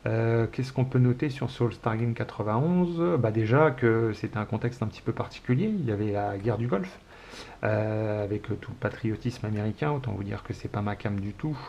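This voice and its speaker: This French host in his forties has a lowish, somewhat mellow voice that is expressive and moves at a normal speed. Alone on his casual chat show, he rambles warmly and nostalgically, hesitating often, captured in a dull home recording with faint hiss.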